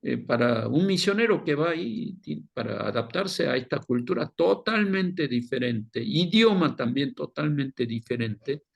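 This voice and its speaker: Guy lecturing slow with lots of fillers, a bit of vocal fry. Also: on the high side, expressive. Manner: slow, halting, with many fillers and tag questions. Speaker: missions teacher. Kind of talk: lecture on mission work.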